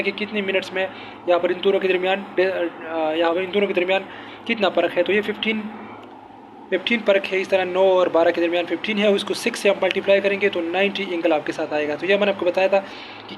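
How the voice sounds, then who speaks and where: A man teaching as an exam-prep tutor, going quickly through test answers with repeated explanations and fillers. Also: sits high, background noise. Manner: rapid, repetitive explaining with fillers.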